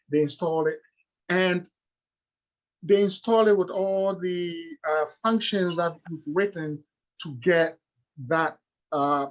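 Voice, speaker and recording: A middle-aged man with a Ghanaian accent presents like a lecturer, his voice sitting a little high for a man. He explains things step by step and keeps stopping on "uh" and "okay" as he goes. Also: low-quality recording.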